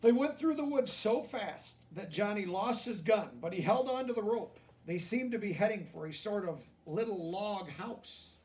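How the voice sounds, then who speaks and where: With lively intonation, a high-voiced man reads a picture book for children and stops for softer, simple explanatory asides between deliberate passages. The recording has a distant, far-from-the-mic quality.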